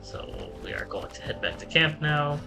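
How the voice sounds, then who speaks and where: A man giving a relaxed, rambling, self-deprecating let's-play tutorial commentary. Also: on the high side, moderate pace, creaky, low-quality recording. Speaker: gaming channel host. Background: game music.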